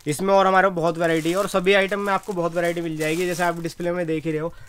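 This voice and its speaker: A young man who owns a wholesale shop, showing his goods and quickly rattling off prices while agreeing often. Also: high voice, flat delivery, a bit bright, slight background noise. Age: young adult. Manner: rapid salesman patter, rattles off prices; repeats "haan ji" agreement. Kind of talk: product walkthrough. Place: cramped indoor bag shop.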